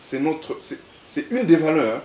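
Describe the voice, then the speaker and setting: A man from Central Africa, an interview guest who talks haltingly, repeating words, then tells stories in a measured way. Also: fairly high pitch, sing-song, darkish tone. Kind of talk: reflective conversational interview. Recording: echoey room with faint hiss.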